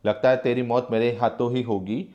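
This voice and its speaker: A man's voice: mid-range voice, level tone, moderate pace, highs cut off, natural voice. Cruel, furious jail official, read by a man, harsh and threatening.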